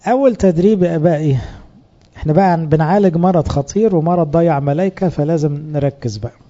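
A man's voice: on the high side, mellow, muffled recording. A man with an Egyptian Arabic accent giving a sermon to fellow priests, talking in a conversational way and asking rhetorical questions. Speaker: priest teaching other priests.

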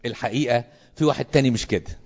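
A man speaking with an Egyptian Arabic accent, a priest addressing fellow clergy in an animated sermon-style talk full of rhetorical questions. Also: mid-range voice, rapid-fire, slightly rough, muffled recording.

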